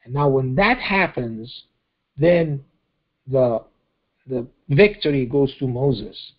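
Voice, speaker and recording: A man's voice: medium pitch, takes it slowly, muffled recording. A man leading a scripture study, explaining verses in a conversational way and often checking in with "okay?". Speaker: Quran study teacher.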